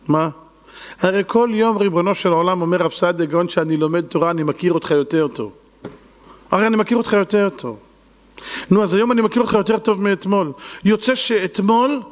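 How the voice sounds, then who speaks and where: An Israeli man delivers a lively rabbinic talk, slipping in and out of the voices of the story he tells. His voice sits high for a man. The sound carries a long reverb, as if from a large hall. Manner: acts out dialogue in shifting voices, shouting and laughing. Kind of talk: animated Torah lecture with acted-out story.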